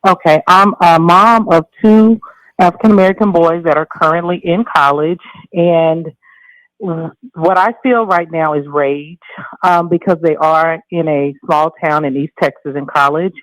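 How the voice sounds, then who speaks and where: Female caller on a phone line, earnest and measured, dry close sound. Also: sits low, no echo. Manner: earnest, measured, with frequent ums. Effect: over the phone, muffled at first. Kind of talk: call-in radio talk.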